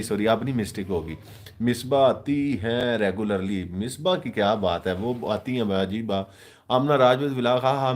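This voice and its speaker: A man with a Punjabi accent, from Pakistan, hosting a casual live stream, joking with viewers as he reads their comments. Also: on the low side. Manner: joking, switches into mocking put-on voices.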